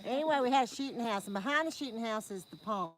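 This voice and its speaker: Female casual storyteller, thick Deep South drawl, folksy and playful, faint outdoor insect noise. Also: lively intonation, fast. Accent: thick Deep South American. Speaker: guest storyteller. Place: outdoors at a campout.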